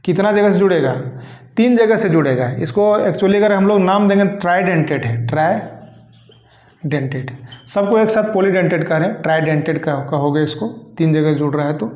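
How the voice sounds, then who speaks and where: A man teaching chemistry, asking questions and answering them slowly himself. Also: high-pitched, a little mellow. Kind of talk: classroom lecture. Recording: echoey room.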